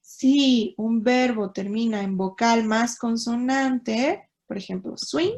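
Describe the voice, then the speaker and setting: A woman with a Mexican Spanish accent, an English teacher explaining grammar step by step in an online class, pausing to check that students follow. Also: fairly high pitch, darkish tone. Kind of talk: online class, reading and explaining in two languages.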